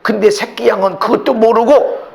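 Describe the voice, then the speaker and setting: A male pastor preaching a sermon with passion, swinging between shouted lines and hushed low ones. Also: steady tone, normal speed, gravelly.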